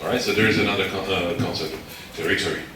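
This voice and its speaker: Low-voiced man lecturing in an echoey hall. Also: steady tone, very fast. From Slovakia. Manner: explains step by step and checks in with the audience. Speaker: guest lecturer. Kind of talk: university lecture. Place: university lecture room. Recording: echoey hall, distant mic, background noise.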